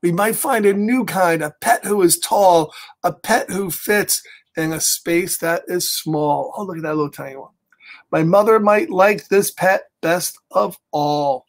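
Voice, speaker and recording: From a small home office indoors, a middle-aged American man reads a picture book for children's story time, a little slow and in a high voice. He keeps it animated and exaggerated, with chatty asides throughout.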